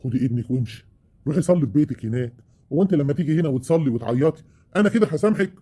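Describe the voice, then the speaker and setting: Man acting older Egyptian husband, bitter and reproachful, husky, fast-talking. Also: a little high, lively intonation. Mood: furious. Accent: Egyptian Arabic. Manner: reproachful, rising to shouting. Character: bitter aging husband, worn out and angry. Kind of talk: family web drama acting.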